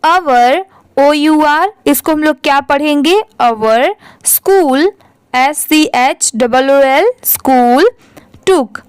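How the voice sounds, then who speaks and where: A woman's voice: high voice, no echo, clean studio sound. A woman teaching a reading lesson, spelling words out letter by letter and asking and answering her own questions.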